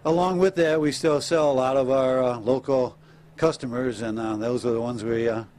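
A man's voice: mid-range voice, fairly even intonation, darkish tone, slight background noise. An older man being interviewed live for TV about his business, speaking plainly into a reporter's handheld mic with many hesitant "uh"s. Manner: plain, halting talk with many "uh" fillers. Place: outdoors on an RV lot, then inside an RV.

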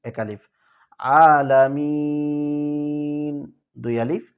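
A man teaching Quran recitation rules in a televised lesson, explaining step by step and chanting verses slowly as examples. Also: medium pitch, lively intonation, phone-quality sound.

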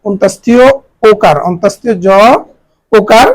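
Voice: medium pitch, normal speed, low-quality recording. A teacher giving a grammar lesson, spelling out each word letter by letter and repeating it for the students.

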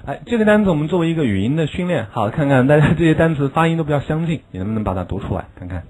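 A man teaching English vocabulary in a classroom lesson, explaining in Chinese and drilling words slowly, with a chuckle at his own asides. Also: on the high side, big pitch swings, darkish tone, poor audio.

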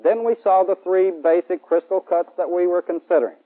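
An American man in his thirties, speaking briskly in a high-pitched voice, lectures formally and methodically as a military instructor in a 1960s training film. The scene was recorded on an indoor studio set, and the band-limited old soundtrack sounds phone-quality.

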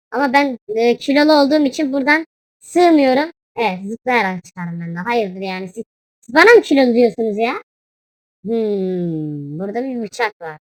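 A woman's voice: on the high side, no room sound. A young woman casually commentating her own gameplay, playful and chatty, breaking into shrieks and yelps when startled. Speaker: gaming YouTuber.

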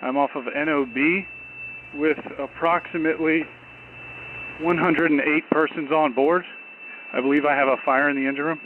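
Male boat captain, clipped urgent radio report, heard through marine radio, slightly high voice. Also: steady tone, normal speed, long pauses. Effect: marine radio transmission. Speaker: boat captain making a distress call. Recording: tinny marine radio with loud static and hum.

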